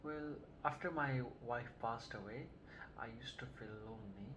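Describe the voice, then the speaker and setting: A woman playing an older Vietnamese-born male patient who answers in a halting, hesitant way in a scripted health assessment role-play. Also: very deep voice, a bit bright. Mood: calm. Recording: noticeable background noise.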